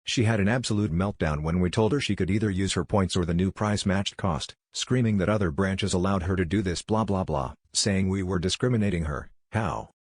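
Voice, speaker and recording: Male narrator for scripted anecdotes, deep register, dry close sound. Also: brisk, hardly any pauses, no echo. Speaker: narrator of a retail worker's story.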